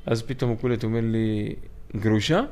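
A man telling his own family story in a lively way, jumping into high, loud bursts when he quotes his father. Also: gravelly. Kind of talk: animated storytelling with acted quotes.

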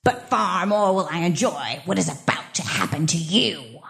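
A gloating goddess of death from a comic book, low for a female voice and gravelly. She delivers her vengeance with slow, theatrical villain menace. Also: expressive, a bit bright.

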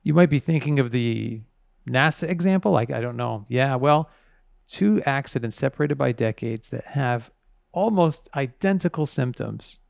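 A man's voice: mid-range voice, animated, normal speed, creaky, a little mellow, no room sound, clean studio sound. A man interviewed as an author, explaining things conversationally and stressing key words.

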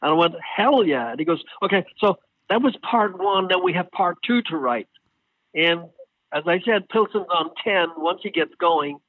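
A man being interviewed as a guest singer, telling stories in a casual, animated way and acting out what others said. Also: sits high, moderate pace, dry recording. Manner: animated storyteller, acts out quoted exchanges. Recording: tinny phone line.

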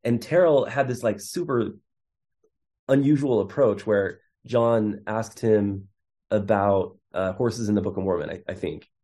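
Man, 30s, interview guest, low mellow voice, casual and full of restarts. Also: unhurried. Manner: casual, many fillers and restarts. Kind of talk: conversational storytelling.

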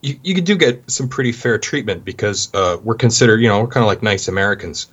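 Low husky man with lo-fi sound. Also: lively intonation, quick pace, fairly bright tone. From Canada. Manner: rambling, many restarts, anecdotal. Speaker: guest. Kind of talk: casual conversation. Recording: dull lo-fi sound.

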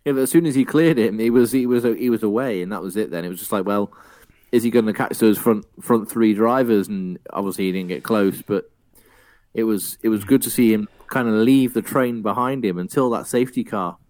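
Male co-host, mid voice, dry close sound, lively storyteller. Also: fairly low pitch, brisk, no echo. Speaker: podcast co-host. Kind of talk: casual chat about motor racing.

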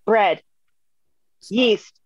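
A woman's voice: mid-range voice, extremely slow, dry recording, dull audio. A woman from Vermont joining a casual podcast chat, goofy and giggly in her replies. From Vermont, USA.

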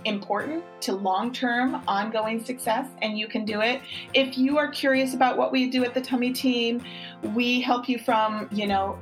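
The recording is low quality, and the woman's voice sits on the high side. She's a fitness coach in her forties hosting a podcast, keeping the interview chat casual and encouraging while often starting over mid-sentence.

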